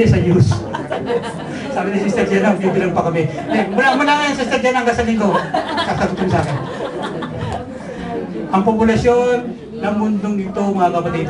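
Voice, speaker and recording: A male pastor with a Filipino accent preaching a sermon, telling stories and asking the congregation questions. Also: high voice. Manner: storytelling, asks the congregation questions. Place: church hall with a congregation. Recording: echoey hall, distant mic, audible congregation.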